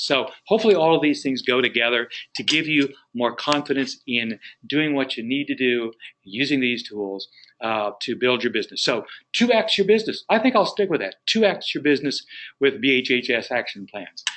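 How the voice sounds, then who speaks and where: A man running a live training webinar with a bright, forward voice. He keeps it folksy and encouraging, and his pitch sits right in the middle. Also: rough recording. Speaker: real estate business trainer.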